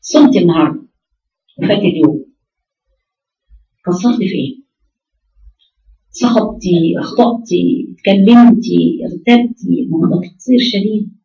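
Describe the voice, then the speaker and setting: A woman's voice: lowish voice, normal speed, vocal fry, pauses often, mellow. A woman with an Egyptian accent giving a religious lesson to women, asking rhetorical questions and counting out her points. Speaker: religious teacher. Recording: roomy, distant, dull lo-fi recording.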